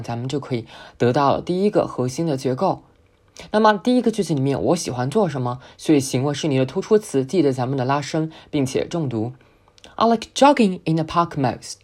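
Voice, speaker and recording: A woman whose first language is Chinese, teaching an English speaking lesson and slowly modelling words for the listener to repeat. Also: low voice, a little mellow. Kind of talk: spoken English pronunciation lesson.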